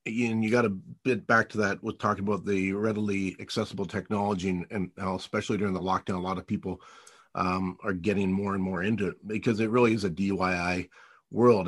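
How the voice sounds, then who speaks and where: A man with a low, slightly husky voice hosts a radio interview. His questions run long and wander, full of little fillers, and his manner is chatty. The sound is dry and close to the mic. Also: dry recording. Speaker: radio show host and interviewer. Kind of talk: casual interview hosting.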